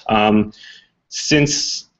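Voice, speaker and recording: A man presenting a casual technical talk, relaxed, with many ums and uhs. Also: lowish voice, very slow. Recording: muffled talk recording.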